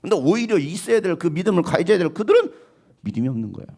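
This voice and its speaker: A male pastor preaching a sermon in an animated way, at times acting out the voices he quotes. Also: sits high, rapid-fire.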